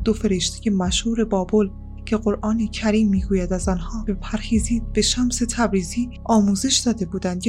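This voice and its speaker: A woman reading an audiobook in a calm, measured storytelling voice with unhurried pauses. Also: mid-range voice. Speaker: audiobook narrator. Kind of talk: scripted audiobook narration.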